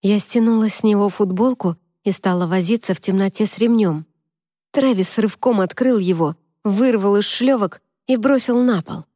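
A woman reading a first-person story aloud in steady, measured scripted narration on a close mic. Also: medium pitch, no echo. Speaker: audiobook narrator.

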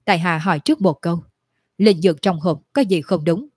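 A woman voicing a calm, cunning young male cultivator who speaks politely and composed. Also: lowish voice, a little fast, slightly rough, no room sound, studio quality.

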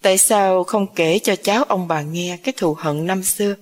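A woman's voice: lowish voice, moderate pace, big-room sound, close to an everyday voice. A woman voicing a cold, bitter old grandmother who speaks in an icy, commanding way. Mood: cold, contemptuous.

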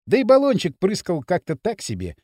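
Give me an expressive male audiobook narrator with a high voice. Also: brisk, dry recording, studio quality. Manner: expressive reading.

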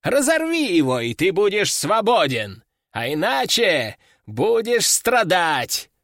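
A man's voice: high-pitched, huge pitch swings, takes it slowly, a bit bright, dry recording, full character voice. A domineering old sorcerer barks orders and threats at his students and at a demon, as a man voices him for an audiobook. His voice rises and falls sharply as he commands. It is recorded close and dry. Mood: commanding. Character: stern old male sorcerer teacher, domineering. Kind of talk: audiobook character voice.

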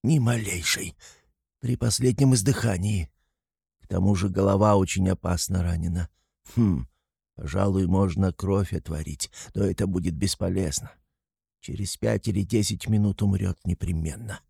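A man reading aloud, voicing a neat, wary old doctor who speaks quietly, curtly and matter-of-factly. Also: deep voice, normal speed, creaky, husky, no room sound, studio quality, heavily acted. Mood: grim. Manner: quiet, curt, matter-of-fact.

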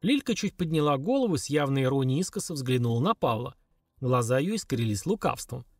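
A man reading a novel aloud in an expressive storytelling manner. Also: mid-range voice, fairly quick, no echo, clean studio sound. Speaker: audiobook reader. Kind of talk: scripted narration.

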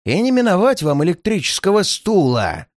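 A commanding male detective from an old storybook tale, firm and measured as he lays out the charges, as a reader voices him. The delivery is close and dry. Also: mid-range voice, wildly swooping pitch, no room sound, pitched above the performer's own voice. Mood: stern.

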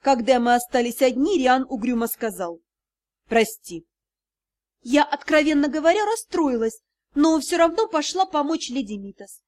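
High-voiced woman narrating a novel. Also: moderate pace. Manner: expressive, storytelling. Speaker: audiobook narrator. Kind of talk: first-person novel narration.

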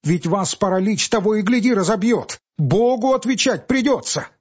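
A man voicing a young, hot-tempered male village medic who shouts indignant reproaches, on a husky, lo-fi audiobook recording. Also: sits high, lively intonation, moderate pace, pitched above the performer's own voice.

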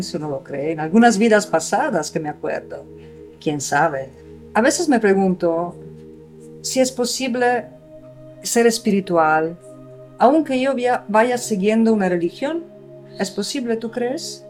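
A woman's voice: mid-range voice, darkish tone. A woman hosting a community radio conversation, talking in a reflective way and asking musing questions. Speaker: radio host.

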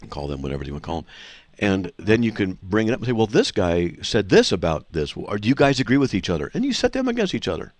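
Very animated and quick, with few pauses, a man with a fairly low-pitched voice and no echo explains scripture to callers on his call-in radio Bible answers show. His manner is assertive and instructive.

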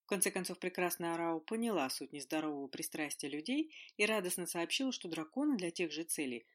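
Female audiobook narrator, fantasy, expressive, lowish voice. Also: fast talker.

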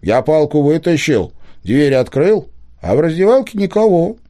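A man voicing a plucky schoolboy in an audiobook, telling his story in a chatty, animated way. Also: on the high side, normal speed, voice pushed up. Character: eager schoolboy, friendly and plucky. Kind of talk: audiobook character voice.

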